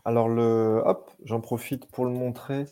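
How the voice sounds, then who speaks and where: A man in relaxed conversation, describing games with plain enthusiasm. His voice is mellow and warm, pitched in an ordinary middle range. He stumbles, repeats words and restarts sentences as he goes. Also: unhurried, clean tone. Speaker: game designer and translator. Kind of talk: casual chat.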